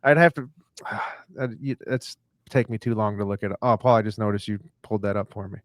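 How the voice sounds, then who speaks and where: A man in his forties hosting a podcast, telling stories in a casual, animated way. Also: lowish voice, a little fast, no room sound, clean studio sound. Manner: animated storyteller, acting out quotes. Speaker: podcast host.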